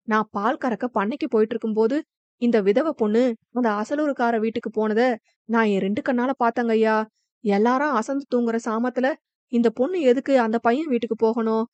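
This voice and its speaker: A woman voicing a spiteful village milkwoman who accuses a widow in quick, scolding speech. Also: on the high side, a little mellow, no room sound, lightly acted. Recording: dull, dry lo-fi recording.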